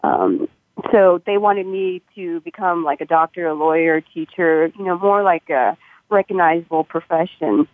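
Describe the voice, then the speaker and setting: A woman's voice: lowish voice, expressive, normal speed, no echo. Chatty woman on a tinny phone line. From Thailand, raised in Northern California. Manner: easygoing, chatty, with fillers. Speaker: DJ, interview guest. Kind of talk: casual interview chat.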